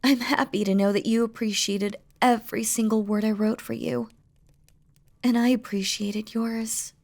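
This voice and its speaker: In an intimate romantic audio roleplay, a woman plays a doting, playful demon queen, tender and teasing in formal, regal phrasing, with a fond and proud mood. Her voice is a little high and darkish, with fairly even intonation, a moderate pace and light acting.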